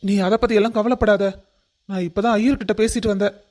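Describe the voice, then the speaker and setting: A man's voice: high-pitched, fairly even intonation, fast, a little mellow, close to an everyday voice. A man voicing a firm, protective middle-aged father in a cartoon family story, speaking in a commanding way.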